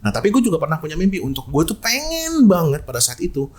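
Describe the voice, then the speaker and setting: A man's voice: a little high, fast. A man with a Jakarta slang accent, an esports event host, telling stories in a casual podcast chat and acting out quoted lines. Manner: animated storyteller, acts out quoted lines.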